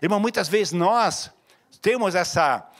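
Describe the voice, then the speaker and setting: High-voiced, animated preacher man. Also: unhurried. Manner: animated preaching, acting out dialogue with sudden loud and soft turns. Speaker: pastor. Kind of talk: sermon.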